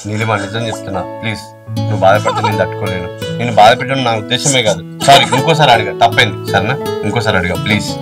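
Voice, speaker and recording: Man playing an apologetic young husband, fast talker, faint music, recorded from a distance. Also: fairly low pitch, lightly acted. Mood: pleading. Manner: pleading, soothing. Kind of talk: short film acting.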